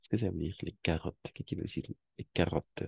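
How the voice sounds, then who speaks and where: A man's voice: sits low, brisk, gravelly, darkish tone, slightly rough, no echo. A man teaching a French class, patiently repeating words and correcting pronunciation, switching into Spanish to explain. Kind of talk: language class instruction.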